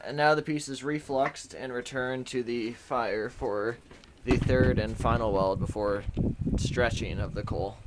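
A man explaining his blacksmithing work step by step, in a plain, halting way with many fillers. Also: medium pitch, fairly even intonation. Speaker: hobby blacksmith. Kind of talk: explaining narration over a demo. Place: outdoor backyard forge. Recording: noisy outdoor recording.

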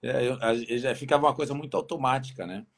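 A man's voice: medium pitch, steady tone, fast, gravelly. A man from Brazil with a Brazilian Portuguese accent, a football coach giving easygoing, rambling interview answers with many restarts.

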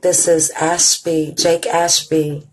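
A woman's voice: low voice, little pitch movement, slow, a little hiss or hum, poor audio. A middle-aged woman hosting an online music show, chatting playfully with listeners and singing along now and then. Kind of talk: casual live-stream chat.

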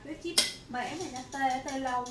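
A woman's voice: high-pitched, fast talker. A woman talks casually, her mouth burning from spicy food. The recording is echoey, with heavy noise around her. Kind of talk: casual family chat while tasting spicy chips. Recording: noisy, echoey room.

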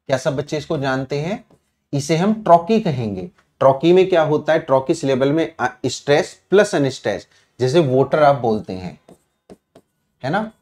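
A man's voice: fairly high pitch, a little mellow. A man with an Indian English accent teaching an online exam-prep English class, explaining answers step by step and quizzing his students.

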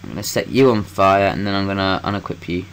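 A man's voice: deep voice, fast talker, gravelly, a little hiss or hum. A young man gives let's-play commentary, rambling to himself as he plays and swearing freely. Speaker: gameplay commentator.

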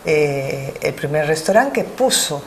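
Her voice is low and unhurried: a middle-aged Peruvian business owner being interviewed as a guest in a TV studio with a city view behind her. She speaks with a Peruvian Spanish accent, hesitating frequently with fillers and moving her hands animatedly, over slight background noise.

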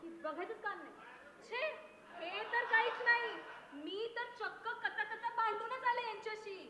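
A woman's voice: very high-pitched, measured pace, sharp tone, heavily acted. A woman playing a gossiping village mother. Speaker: stage actor. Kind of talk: live stage comedy acting. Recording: echoey hall with audience.

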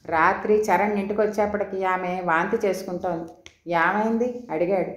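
A woman's voice: medium pitch, fairly even intonation, a little fast, reverberant. A woman reading a novel aloud as an audiobook narrator, voicing the dialogue in her own voice. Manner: reads every character's dialogue in her own voice.

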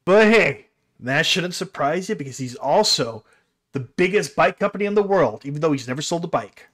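Guy ranting about his roommate, fairly high voice, swinging up and down, swears a lot. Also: lively intonation, normal speed, a bit bright. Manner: exasperated, sweary, incredulous. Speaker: vlogger telling a personal story. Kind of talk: storytime rant.

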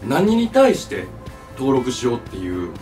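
A man's voice: medium pitch, wildly swooping pitch, normal speed, a little mellow. A young man with a Kansai accent, co-hosting a YouTube chat show, easygoing and laughing along as he tells stories. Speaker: YouTube channel co-host. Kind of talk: casual chat. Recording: mic at a distance with music behind.

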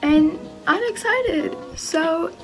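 Young woman, high voice, bubbly casual vlog chat, hiccuping, music playing behind. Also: expressive, extremely slow, low-quality recording. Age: young adult. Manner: chatty and bubbly, with frequent giggles and filler words. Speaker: vlogger. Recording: background music under the voice.

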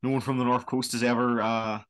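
A man's voice: medium pitch, flat delivery, fairly quick. Young Donegal Irishman, hesitant and rambling. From Donegal, Republic of Ireland. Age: young adult. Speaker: student guide, interview guest. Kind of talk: casual chat. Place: small plain room indoors. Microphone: webcam video call.

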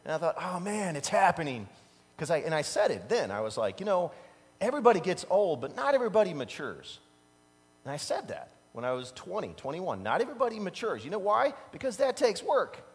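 A man in his fifties, a pastor, speaks a little fast in a high voice during a casual sermon on a large church sanctuary stage, animatedly recounting personal stories and laughing at his own jokes. He's at a standing pulpit mic, shot by a far camera, and the hall's reverb rings long.

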